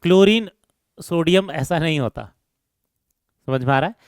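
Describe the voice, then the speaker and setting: A man lecturing a chemistry class in a smooth, resonant voice set a little high. He keeps asking his students questions and answering them himself, repeating key terms as he goes. The sound is close and dry, with no room echo. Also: normal speed. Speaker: chemistry teacher.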